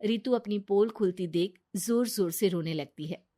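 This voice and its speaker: A woman narrating a cartoon story in a plain, steady way. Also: mid-range voice, moderate pace.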